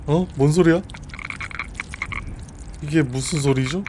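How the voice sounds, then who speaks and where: A streamer does live commentary on a horror game, jumpy and reactive, talking to himself and sometimes shouting. His voice is on the high side and slow, with background noise.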